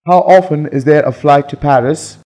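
A man reading the lines of a scripted English lesson dialogue in a plain, measured way. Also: a little high, darkish tone, big-room sound.

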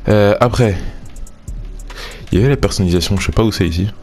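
A young man casually commenting on a sports video game, thinking aloud and getting excited over pack openings. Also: on the low side, fast talker, soft background music. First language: French. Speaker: gaming YouTuber.

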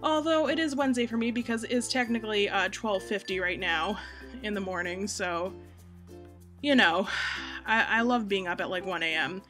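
Chatty young American woman, middle-pitched. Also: moderate pace, fairly bright tone. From United States. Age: young adult. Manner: rambling, self-deprecating. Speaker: gaming YouTuber. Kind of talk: casual chatty voice-over commentary on game footage. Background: music.

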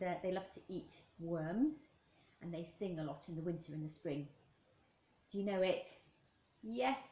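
A woman, a primary school teacher, talking gently and encouragingly to children in a home-recorded lesson from her kitchen. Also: lowish voice, a little hiss or hum, poor audio. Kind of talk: home-learning video lesson.

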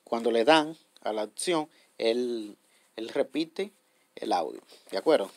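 A man's voice: medium pitch, lively intonation, unhurried, no echo. A man hosting a step-by-step app tutorial. He explains patiently, repeats himself, and keeps checking in with his viewers. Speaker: tutorial host.

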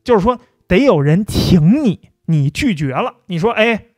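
A man's voice: high voice, big pitch swings, moderate pace, darkish tone, dry recording, soft background music. A man hosting a livestream, talking philosophy in a chatty, joking, colloquial way. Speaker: livestream host. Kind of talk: casual philosophy talk.

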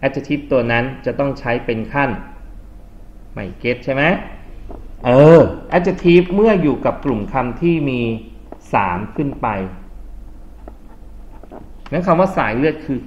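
A man's voice: mid-range voice, expressive, unhurried, long pauses, a little mellow. A male English tutor teaching a classroom grammar lesson, quizzing students and mixing English terms into his explanations. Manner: quizzes students with frequent questions. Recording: dull lo-fi classroom recording.

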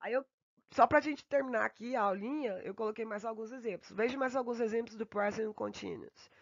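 A woman teaches English grammar remotely from home. She stretches out her English example sentences and rushes through the asides. The sound is dry and a little muffled. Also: on the high side, gravelly, no echo. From Brazil. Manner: slow, drawn-out English examples between quick asides. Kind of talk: remote lesson explaining grammar. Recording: dull, dry home recording.

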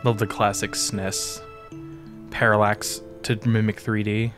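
A man's voice: lowish voice, level tone, a little slow, over music. A man co-hosting a let's play with casual, informal, sweary gaming commentary.

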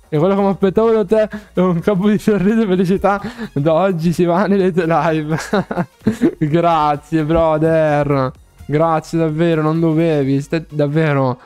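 A man streaming a game live, chatting casually with viewers, excitable and playfully pleading, often laughing. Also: fairly high pitch, clean tone, no echo.

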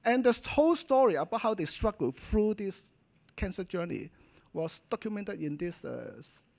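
A man's voice: high voice, expressive, normal speed, vocal fry, darkish tone. A middle-aged man with a Hong Kong Cantonese accent giving an informal conference talk as a doctor, emphatic, in short choppy phrases ending in little check-in tags. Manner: choppy short phrases with frequent "okay?" and "you know" tags. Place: hotel function hall, at a podium.

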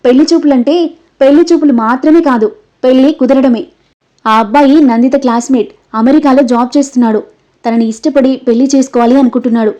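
A woman's voice: sits high, fairly even intonation, fast talker, warm tone, lightly acted. A woman voicing an emotional, scolding young man. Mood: urging. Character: young man, pleading and scolding best friend. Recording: dull lo-fi recording.

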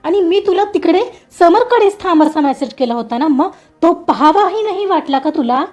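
A woman's voice: high-pitched, animated, a little slow, warm tone, faint music behind. A woman voicing a young man who is loving but angry and scared, speaking agitated with a raised voice.

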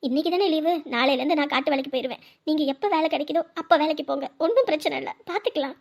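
A comforting young wife. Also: female voice, high-pitched, rapid-fire, creaky. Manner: reassuring, scolding at times. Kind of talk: TV serial acting.

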